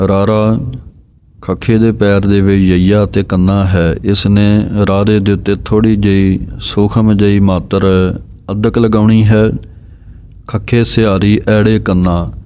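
Slow, steady man teaching recitation. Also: on the low side, a little hiss or hum. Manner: deliberate, spells out letters and vowel marks. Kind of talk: pronunciation lesson with slow chanted recitation.

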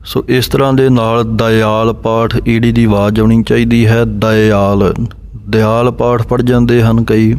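A man teaching how to recite scripture verses, chanting each line slowly and then spelling out letters and pauses. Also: mid-range voice, flat delivery, a little mellow, clear, resonant tone. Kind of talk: recitation lesson on Sikh scripture pronunciation.

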